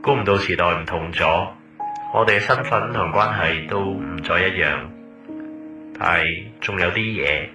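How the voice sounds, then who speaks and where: In an audio drama monologue framed as a voice message, a man with a Hong Kong Cantonese accent plays a wistful former lover. Casual and nostalgic, he guides the listener like a tour guide, mixing English words into his patter in a low, everyday voice at moderate pace. The sound is roomy and slightly distant, with music behind.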